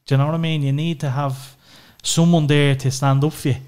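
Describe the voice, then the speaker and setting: The Irish guest on this podcast has a clear, resonant, somewhat dark voice that sits high and barely moves in pitch, delivered briskly. He's frank and emotional about his family, cursing freely and leaning heavily on "you know."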